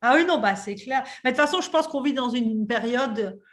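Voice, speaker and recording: A woman in her thirties hosting a podcast interview, talking in an animated, casual way with lots of fillers. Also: on the high side, a little fast. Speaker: podcast host and coach.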